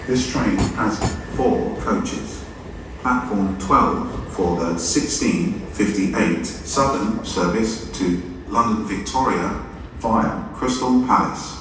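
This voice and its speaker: A man making a formal, measured platform announcement over a station loudspeaker, reading the calling points. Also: on the low side. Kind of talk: automated train departure announcement. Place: large railway terminus concourse. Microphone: public address loudspeaker picked up from a distance. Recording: echoey station hall from far off, noisy. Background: station noise and ambience.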